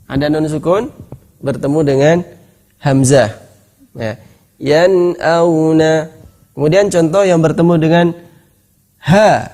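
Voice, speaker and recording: Man teaching Quran recitation slowly. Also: a little high, dark tone. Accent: Indonesian. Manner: explains, then recites examples slowly and repeats them. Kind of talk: tajwid lesson with chanted examples.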